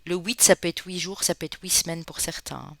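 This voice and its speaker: This medium-pitched voice is gravelly, pushed and bright, with fairly even intonation, heard in a dry recording. A tarot reader from the Spanish Basque Country chats casually with viewers, tagging lines with "hein" and calling them friends.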